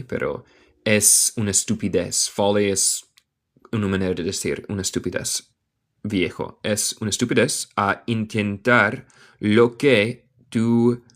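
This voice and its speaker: An American man from Michigan teaching English, reading a fable word by word and repeating phrases slowly. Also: fairly low pitch, a bit bright. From United States. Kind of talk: slow live English reading lesson.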